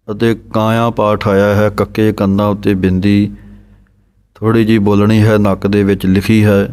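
A man teaching the pronunciation of scripture recitation. He chants each verse slowly, then explains how every word should be said. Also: fairly low pitch, darkish tone.

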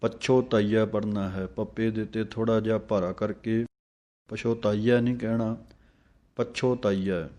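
A man teaching careful scripture recitation line by line, chanting each phrase slowly and then briefly explaining how to say it. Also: on the low side, little pitch movement, warm tone. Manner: slow chanted lines, then quick spoken corrections.

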